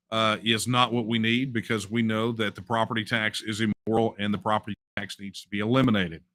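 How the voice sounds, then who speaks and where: A man's voice: medium pitch, pushed and bright, no room sound. A middle-aged man hosting a casual livestream, reading viewer messages with mocking asides and lots of "uh" fillers. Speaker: host.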